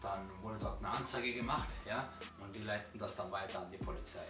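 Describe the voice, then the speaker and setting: Ein junger Mann erzählt als Vlogger aufgewühlt und in lockerem Slang, wie er angegriffen wurde, und zitiert dabei die Angreifer. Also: male voice, lowish voice, fairly quick, far from the mic. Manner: agitated slangy retelling, quoting his attackers. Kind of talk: casual storytelling. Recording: roomy, off-mic, with music behind.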